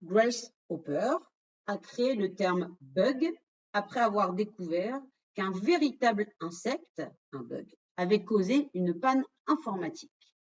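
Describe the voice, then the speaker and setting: A woman hosts an online quiz, putting questions to her audience and walking through the answers in a lively, direct way. Her voice sits at a middling pitch. The audio has the slightly dull sound of a video call microphone. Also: slow, husky. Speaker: webinar presenter running a quiz. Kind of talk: interactive online quiz presentation.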